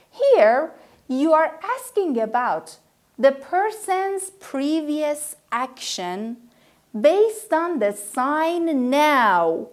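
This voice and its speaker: Slow, patient woman teaching grammar. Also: sits high. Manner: slow, repeats example sentences, checks in with "okay?". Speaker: English teacher. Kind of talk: grammar lesson.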